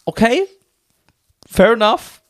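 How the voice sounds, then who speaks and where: A man's voice: extremely high pitch, expressive, slow pace, fairly bright tone, no echo, clean studio sound. A young man from Baden, a podcast co-host telling a story casually, with slang and lots of ums. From Baden, Germany. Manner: storytelling, swearing, hesitant fillers. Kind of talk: casual chat.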